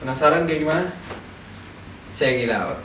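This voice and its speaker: A man's voice: fairly high pitch, moderate pace, fairly bright tone, slight background noise. A young man hosting, introducing a casual video challenge in an upbeat way. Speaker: host. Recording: echoey room, voice from far off.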